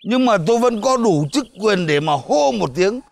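A man's voice: high voice, animated, normal speed, vocal fry, no room sound. A man plays a blustering, hot-tempered retired village mandarin in a folk comedy. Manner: pompous, bossy, shouting threats.

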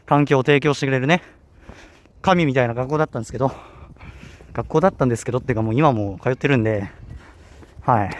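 A young man with a Kanto accent talking casually while walking a hilly campus outdoors, slightly out of breath and often correcting himself. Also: medium pitch. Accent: Kanto Japanese. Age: young adult. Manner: rambling, self-correcting, chatty. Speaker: vlogger. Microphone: handheld camera.

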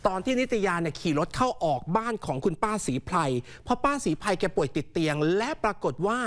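A man's voice: sits high, big pitch swings, a bit bright. A man hosting a crime news show, commenting emphatically and checking facts with his co-host. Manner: fast, emphatic, asks his co-host for confirmation.

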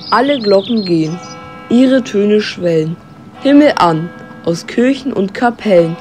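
Slow ballad narrator, female, over music. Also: medium pitch, animated, darkish tone. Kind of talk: dramatic recitation of a ballad. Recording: music under the voice.

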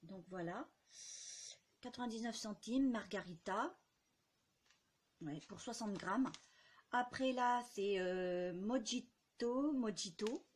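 A woman's voice: medium pitch, slow, long pauses, slight background noise. A woman vlogger chatting casually through a shopping haul, hesitant, with many fillers, and unsure when pronouncing product names.

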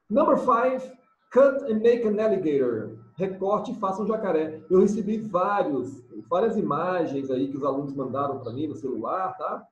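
A man walks young pupils through their English homework, saying each word and then explaining it. His voice sits high and swings widely. It sounds dull and lo-fi, with the echo of a bare room. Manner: switches between English words and Portuguese explanations, drills repetition. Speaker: English teacher. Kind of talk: recorded homework correction lesson.

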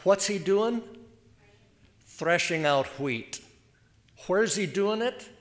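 Slow-spoken older man preaching. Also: sits high, expressive, a bit bright. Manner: conversational and wry, with self-deprecating asides. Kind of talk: sermon with scripture reading. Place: church.

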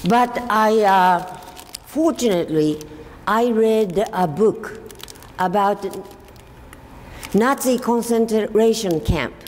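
Older woman speaking slowly in an echoey hall. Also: mid-range voice, a little mellow. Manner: halting, with many restarts and fillers. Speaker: forum speaker. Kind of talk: casual slide talk to an audience. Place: meeting hall. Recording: echoey hall, faint background noise.

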